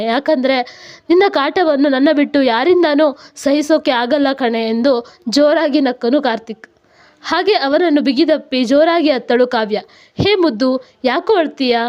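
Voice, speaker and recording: Woman storyteller, high voice, slightly dull lo-fi recording, reads all the characters' parts herself. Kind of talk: storybook narration with acted dialogue. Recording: dull lo-fi sound.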